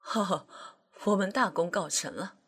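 A woman voicing a scheming middle-aged male aide who speaks in a hushed, coaxing way in an audiobook scene. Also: medium pitch, normal speed, husky. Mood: smug. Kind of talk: audiobook character voice.

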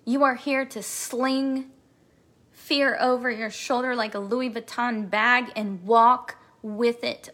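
Woman, forties, slightly high pitch, unhurried delivery, emphatic repeating motivational monologue. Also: fairly bright tone. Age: 40s. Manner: emphatic, repetitive, emotional at times. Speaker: podcast host and coach.

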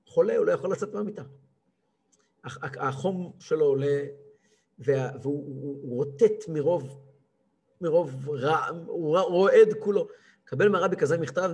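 A man in his thirties, a rabbi giving a lively weekly lesson, who acts out a cantor's chanting and scolds him. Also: a little high, slightly rough. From Israel. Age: 30s. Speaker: rabbi teaching a weekly class.

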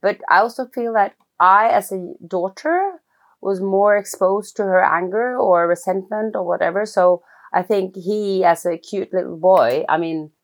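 A woman's voice: medium pitch, a little slow. A middle-aged woman, a film writer-director, speaking English as an interview guest, thoughtful and hesitant with frequent restarts. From Norway. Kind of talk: reflective personal interview.

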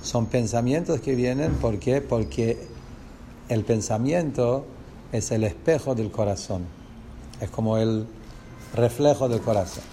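Speaking with a dark tone at medium pitch, a Rioplatense-accented man walks his class through a religious text one step at a time, tossing out rhetorical questions. Slight background noise is audible.

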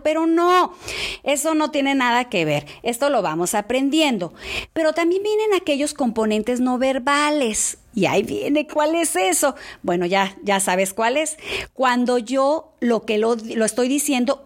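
A woman teacher giving an animated talk on couples' communication. She has a loud, strong voice and speaks straight to her audience. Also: high voice.

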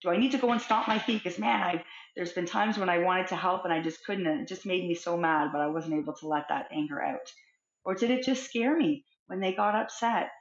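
A middle-aged woman, a counsellor, talking as a guest in an interview, speaking in a reflective, expressive way and acting out little everyday scenes. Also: lowish voice, a little fast. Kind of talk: conversational interview. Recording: roomy, dull lo-fi sound.

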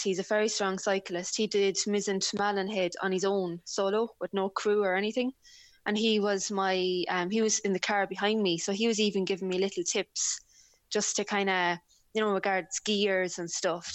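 A woman's voice: medium pitch, no room sound. A woman from County Leitrim with a west of Ireland accent, chatting and telling anecdotes casually as an interview guest. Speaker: interview guest, amateur cyclist. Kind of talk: casual conversational storytelling.

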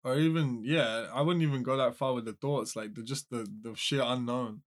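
An English-accented man talks casually on a podcast, often trailing into a quieter, lower voice. He is relaxed and blunt and swears without a second thought. His pitch sits in the middle for a man. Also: normal speed. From England. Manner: laid-back, swears freely, drops into a quieter, lower voice.

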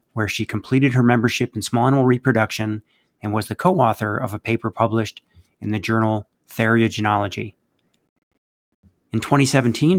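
A man hosting an interview, reading a formal introduction and asking questions in a measured way. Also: medium pitch. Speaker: podcast host.

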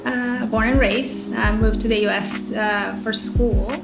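A woman's voice: a little high, steady tone, a little slow, gravelly, music in the background. Hesitant woman from Peru, echoey room. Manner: hesitant, with many fillers. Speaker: interview guest.

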